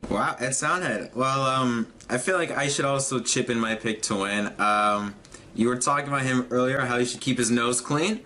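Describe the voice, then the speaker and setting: Hosting a sim racing livestream, this man talks casually in a medium-pitched, sharp voice at a normal pace, sounding slightly stuffy from allergies. He's an upbeat announcer who raises his voice for the intros of the pre-show.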